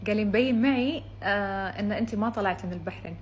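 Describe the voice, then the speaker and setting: A woman's voice: medium pitch, fast, slight background noise. A woman with a Bahraini Gulf Arabic accent chatting casually and playfully in a personal vlog. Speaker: social media vlogger.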